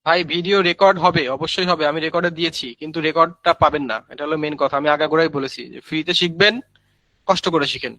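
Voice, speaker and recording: A man's voice: a little high, steady tone, quick pace, pushed and bright, no room sound, rough recording. A man teaching a live screen-share tutorial, chatty, calling viewers brother and using many fillers. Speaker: online course instructor.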